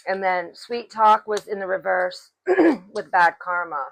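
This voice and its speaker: A woman giving a tarot reading, speaking slowly and deliberately and clearing her throat now and then. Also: medium pitch, no echo, rough recording. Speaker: tarot reader.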